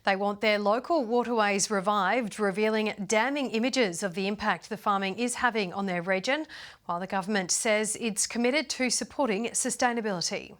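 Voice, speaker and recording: A woman with an Australian accent presenting the evening news in a measured, formal read. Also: mid-range voice, a bit bright. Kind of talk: scripted news reading.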